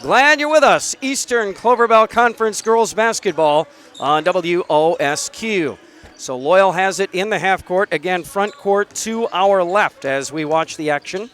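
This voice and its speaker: A man's voice: high-pitched, lively intonation, unhurried, a bit bright. An American man calling a basketball game live for radio, with conversational, folksy asides. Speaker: radio play-by-play commentator.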